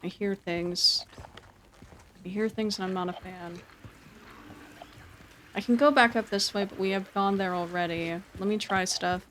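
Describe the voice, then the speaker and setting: In an unhurried, fairly even mid-range voice with a fairly bright tone, a woman gives casual live game commentary and chats with viewers, pausing often. She's informal and prone to repetition, and slight background noise can be heard.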